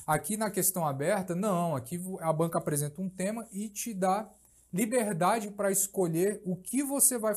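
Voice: mid-range voice, darkish tone. A teacher giving a recorded course lecture, explaining step by step, repeating key phrases and checking in with tag questions.

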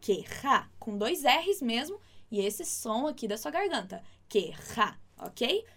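Lively Brazilian woman teaching Spanish. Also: high voice. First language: Portuguese. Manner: lively, explains slowly and repeats words for practice. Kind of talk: online language lesson.

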